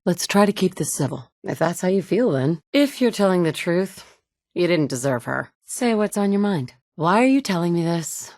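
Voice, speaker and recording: In a studio recording with no room sound, a woman's low, darkish voice plays a hard, blunt survivor who is the game's player character, issuing short commanding lines. Her intonation is lively, her speed normal, and the close-mic sound studio quality.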